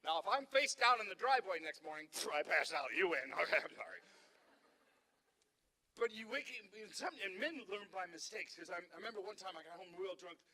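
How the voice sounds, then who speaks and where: Male stand-up comic in his fifties, high voice, rambling storyteller who keeps restarting his sentences on a theater stage. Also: lively intonation, brisk, bright, forceful tone. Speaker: stand-up comedian. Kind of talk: stand-up comedy routine.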